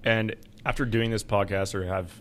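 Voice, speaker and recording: A man with a lowish voice co-hosts a finance podcast in a casual, conversational style. There is some noise behind him. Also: fairly even intonation, moderate pace, a bit bright. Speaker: podcast co-host and investment adviser.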